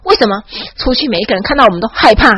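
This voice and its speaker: A woman with a Taiwanese Mandarin accent giving a mock-boastful satirical monologue, dropping a breathy "ha" into nearly every phrase. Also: a little high, animated, very fast, fairly bright tone, dry recording. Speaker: satirical commentator. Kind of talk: sarcastic comic monologue.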